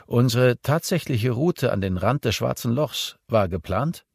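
Trockener junger Hacker, von einem Mann gesprochen. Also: male voice, mid-range voice, animated, a little slow, vocal fry, husky, no echo, clean studio sound, pitched above the performer's own voice, heavily acted. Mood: nüchtern. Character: young male hacker, wry and focused.

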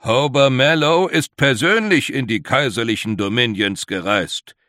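A man's voice: medium pitch, measured pace, pushed and bright, no room sound. A heavyset, irritable older councilman, as a male reader puts him on, who speaks with impatience. The sound is close and dry. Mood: irritated.

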